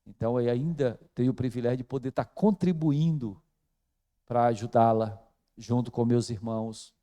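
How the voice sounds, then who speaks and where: A middle-aged Brazilian man preaching a sermon in church, slow and emphatic, repeating phrases and swinging between loud and soft. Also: medium pitch. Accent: Brazilian Portuguese. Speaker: pastor.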